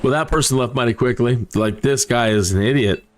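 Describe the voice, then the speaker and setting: A man's voice: medium pitch, a little fast. A man doing casual, playful live commentary on a flight simulator stream, rambling along in a chatty way. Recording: steady background noise.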